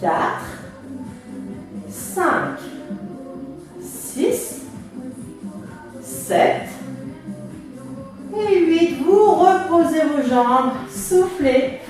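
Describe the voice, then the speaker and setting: High-pitched woman coaching a workout, echoey room. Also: sing-song, extremely slow, pauses often, darkish tone. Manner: encouraging, motivating coach cues. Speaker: fitness instructor leading a workout class. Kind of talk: exercise class instruction with counting. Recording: echoey room, distant mic, music behind.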